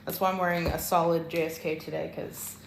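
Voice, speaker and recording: A woman's voice: fairly low pitch, little pitch movement, fairly quick, vocal fry, background noise. A young woman hosting a live-streamed cooking class, chatty and rambling, with frequent ums and self-corrections.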